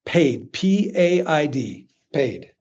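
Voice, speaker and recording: A man's voice: on the high side, slow pace, lo-fi sound. A man teaching sales objection handling in a live webinar, talking casually and acting out customer dialogue. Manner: energetic, conversational, acts out customer dialogue. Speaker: sales trainer. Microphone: video call.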